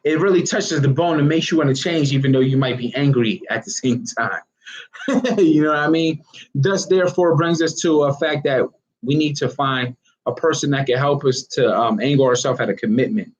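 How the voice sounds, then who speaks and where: A man's voice: medium pitch, moderate pace. A man giving a casual, rambling motivational talk as an online fitness marketer, often asking "you know what I mean?". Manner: animated, breaks into laughs. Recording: dull lo-fi recording.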